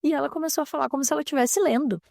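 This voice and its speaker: Middle-aged woman, mother giving a testimony, earnest storytelling, acts out dialogue, fairly high voice, dry close sound. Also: racing, vocal fry, a little mellow, no echo. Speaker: mother and housewife sharing a testimony. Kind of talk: personal faith testimony on a podcast.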